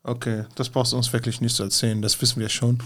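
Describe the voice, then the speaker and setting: A man's voice: medium pitch, little pitch movement, fast, a bit bright. A young man, a stand-up comedian, chatting casually and teasing his co-host, with hesitant fillers. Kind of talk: casual podcast chat.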